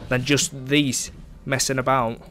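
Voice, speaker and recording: A man's voice: mid-range voice, little pitch movement, a little slow, fairly bright tone, slight background noise. A young man giving casual, chatty commentary over his own gameplay, sarcastic about his teammates and dropping frequent ums.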